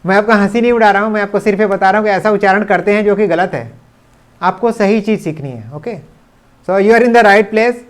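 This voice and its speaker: A man with a high voice teaches English grammar in a classroom-style video lesson. He explains things patiently and slowly repeats example sentences, weaving English sentences into his speech.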